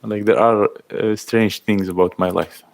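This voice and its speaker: A man in his thirties from Algeria, chatting casually on a livestream, reading out and thanking viewers' comments in halting speech. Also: fairly low pitch, fairly even intonation, gravelly. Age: 30s. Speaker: livestream host. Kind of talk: casual live-stream chat.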